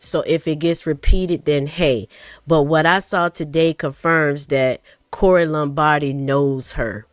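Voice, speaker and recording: A woman's voice: deep voice, no echo. A young adult woman hosting a casual gossip commentary, reading group chat messages aloud and reacting with surprised exclamations. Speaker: channel host.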